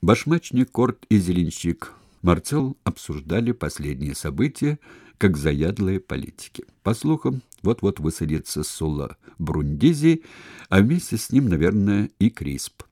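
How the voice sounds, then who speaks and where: A man reading a historical novel aloud as an audiobook narrator, with expressive storytelling. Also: low voice, a little slow, no room sound, studio quality.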